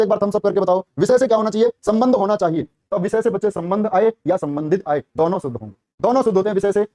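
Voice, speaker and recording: A man teaching a live online exam class, quizzing students quickly and repeating every answer. His voice sits high and mellow, and his talk is rapid. The sound is dry and close, with no room around it. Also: no echo. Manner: encouraging praise, calls students brother and child. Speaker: Hindi teacher for police exam prep.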